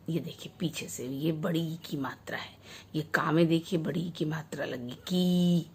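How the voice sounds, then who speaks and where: A woman primary school teacher teaching a Hindi vowel-sign lesson, reading words one at a time slowly and carefully for children. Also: fairly low pitch, darkish tone, slight background noise.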